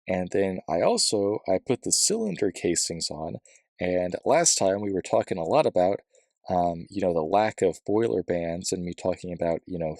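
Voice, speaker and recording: A man's voice: low voice, a little mellow, no room sound, clean studio sound. A man hosting a let's play, chatting casually about his build with a rambling, self-deprecating manner and lots of fillers. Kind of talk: casual gameplay commentary.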